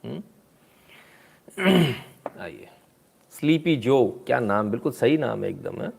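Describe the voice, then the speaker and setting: Male commentator, casual and sarcastic, mocking asides, throat clearing, close-mic chat. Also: medium pitch, very animated, slow pace, a little mellow. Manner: frequent throat clearing and "hmm?". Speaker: political commentary host.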